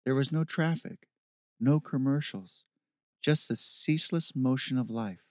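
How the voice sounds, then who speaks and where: A man narrating a story in a steady, measured reading. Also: medium pitch, no echo, studio quality. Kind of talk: audiobook narration.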